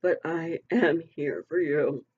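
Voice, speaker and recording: A woman's voice: sits low, takes it slowly, darkish tone, breathy edge, muffled recording. A middle-aged woman talking earnestly and emotionally to her online community in a casual, rambling vlog. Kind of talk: casual heartfelt vlog talk.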